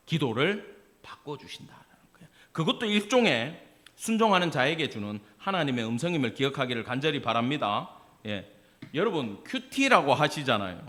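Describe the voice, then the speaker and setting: Lively Korean pastor with Gyeongsang accent. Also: male voice, mid-range voice. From Gyeongsang province, Korea. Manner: lively, conversational preaching with questions to the congregation. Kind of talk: sermon. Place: church sanctuary.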